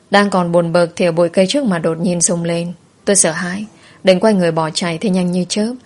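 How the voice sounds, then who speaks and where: Woman storyteller, lowish voice, slow hushed first-person telling.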